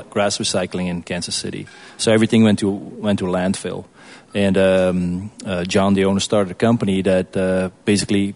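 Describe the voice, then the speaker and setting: A Belgian guest brewer answers questions in an informal Q&A session, speaking casually and haltingly. His voice is lowish with a darkish tone.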